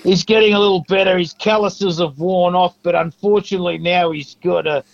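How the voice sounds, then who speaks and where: A man playing a gruff middle-aged Australian father who rambles and stammers through a prank call to a comedy podcast. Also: high voice, fairly even intonation, brisk, dry recording. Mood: complaining. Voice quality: gravelly, rambling, stammering restarts. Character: gruff middle-aged Aussie dad grumbling about his son. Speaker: prank caller. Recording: dull lo-fi phone line.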